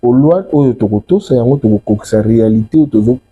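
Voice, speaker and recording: Heard through narrow, tinny audio, a man from the Democratic Republic of the Congo talks fast and animatedly about his religion in an interview. His medium-pitched voice has a breathy edge; he blends French with Lingala, speaks with a Congolese accent, and restates key terms.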